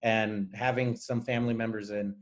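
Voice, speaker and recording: A Nicaraguan man, a native Spanish speaker, appears as a guest engineer in a conversational interview and answers earnestly, explaining as he goes. His voice is on the low side, with a flat delivery at a moderate pace.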